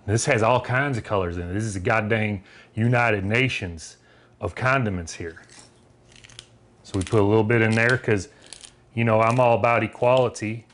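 A man's voice: on the low side, normal speed, a bit bright. A man with a Southern accent casually demonstrating a recipe in his kitchen, talking in a folksy, rambling way with loose grammar and plenty of filler words. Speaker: home cook demonstrating a recipe.

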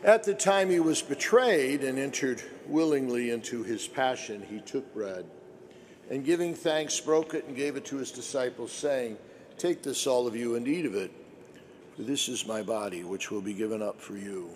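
Solemn male priest with noise behind him. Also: medium pitch. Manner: solemn, measured phrasing. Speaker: priest celebrating Mass. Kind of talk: homily and liturgical prayer. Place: church during Mass.

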